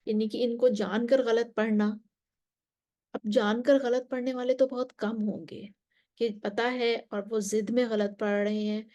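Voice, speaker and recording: A woman teaching a Quran recitation lesson, explaining slowly and carefully, with Arabic recitation between points and some soft whispered remarks. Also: on the high side. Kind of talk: religious lesson.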